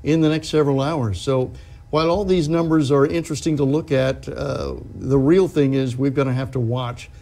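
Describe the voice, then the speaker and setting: A male TV forecaster with a soft-edged, mellow voice at an average pitch. He talks through weather analysis unscripted, explaining things in a halting way and rephrasing as he goes. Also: steady tone, creaky.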